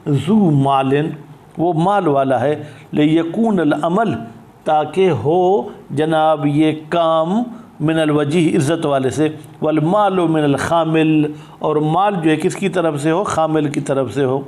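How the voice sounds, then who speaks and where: A male teacher leads a lesson on a religious law text in an unhurried, deliberate way. He reads each Arabic phrase slowly before explaining it, and often poses a question and answers it himself. His voice sits a little high for a man. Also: darkish tone. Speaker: teacher of Islamic jurisprudence.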